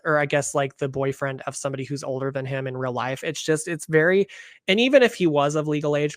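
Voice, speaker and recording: A man co-hosting a podcast in casual chat, talking fast with lots of fillers and quoting others in little acted voices. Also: fairly high pitch, smooth, no room sound, clean studio sound. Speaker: podcast co-host.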